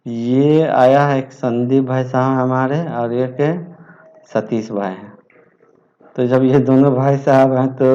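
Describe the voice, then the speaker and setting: A man teaching a math lesson, explaining slowly and deliberately. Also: medium pitch, a little mellow, dull audio.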